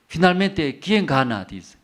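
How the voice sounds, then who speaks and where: A man's voice: on the high side, sing-song, slow. A male pastor preaching a sermon in simple, broken Spanish, repeating phrases for emphasis and asking the congregation rhetorical questions.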